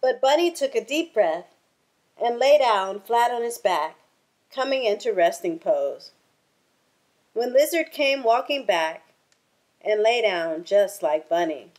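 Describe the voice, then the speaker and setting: With a fairly high-pitched voice, a woman reads aloud from a children's picture book in a slow, deliberate and expressive storytelling style.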